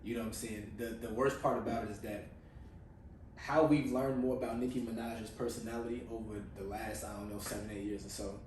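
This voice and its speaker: A man's voice: lowish voice, little pitch movement, a little fast, darkish tone, a little hiss or hum. Man, podcast co-host, casual rambling talk, profane, very echoey room, mic set back. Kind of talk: casual chat. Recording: echoey room, distant mic, faint ambience.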